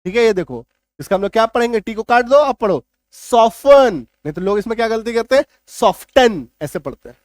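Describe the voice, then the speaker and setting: A man teaching English spelling rules in a classroom-style lesson, stressing and repeating each rule and often checking that it is clear. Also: sits high, expressive, rapid-fire, no room sound, studio quality.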